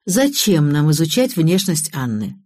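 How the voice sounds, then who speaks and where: A woman reading the part of a calm male investigator in an audiobook, asking slow, measured questions. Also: low-pitched, dry recording, clean studio sound, exaggerated voice. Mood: puzzled. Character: middle-aged man, calm questioning investigator.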